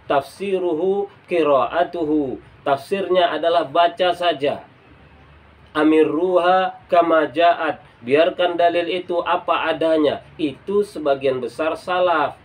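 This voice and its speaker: A man preaching to a congregation, emphatic and didactic as he explains a point. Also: fairly high pitch. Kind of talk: lecture to a congregation.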